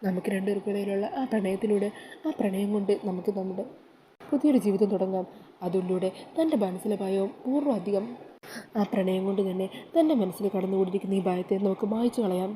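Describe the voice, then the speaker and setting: A woman's voice: medium pitch, a little fast, mellow, slight background noise, lightly acted, poor audio. A woman voicing a patient young husband who coaxes and reassures his wife. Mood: soothing. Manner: coaxing, reassuring.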